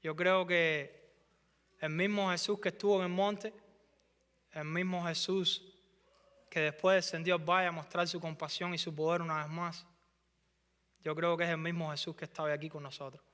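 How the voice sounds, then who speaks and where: A male pastor preaching a sermon with fervor, his voice climbing toward near shouting at the peaks. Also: a little high, flat delivery, normal speed, pauses often, smooth. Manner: impassioned preaching, rising to near shouting at climaxes. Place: church sanctuary. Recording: live church hall with reverb and soft music.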